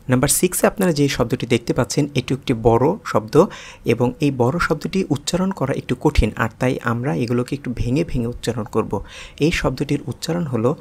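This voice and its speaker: A man teaching an English vocabulary lesson. He explains each word slowly, breaks long words into parts, repeats them, and puts questions to the viewers. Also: mid-range voice, gravelly, breathy edge.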